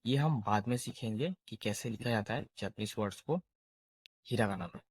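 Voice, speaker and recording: A man's voice: lowish voice, brisk, husky, no echo. A man teaching a beginner language lesson, saying each example word and its meaning twice. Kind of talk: slow spoken lesson.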